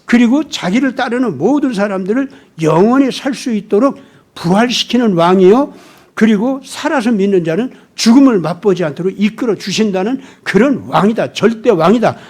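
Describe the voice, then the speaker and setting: A man with a high voice preaches a sermon in a church. He speaks emphatically and tells stories, often switching into acted-out lines of dialogue. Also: animated, normal speed, a little mellow, husky. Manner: emphatic, acts out dialogue in his storytelling. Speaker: pastor.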